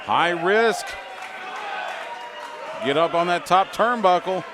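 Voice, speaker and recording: A man's voice: sits high, expressive, takes it slowly. A man giving live color commentary on a pro wrestling match as the second commentator. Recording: noisy venue with crowd behind. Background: crowd noise.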